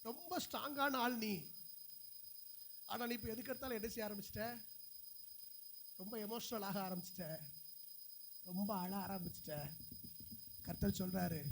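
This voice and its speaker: A pastor preaching a sermon in a church, emphatic and repetitive, swinging between loud proclamation and hushed pleading to the congregation. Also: male voice, high voice, gravelly, slight background noise. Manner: repeats lines and calls out to the congregation. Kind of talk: Pentecostal-style sermon.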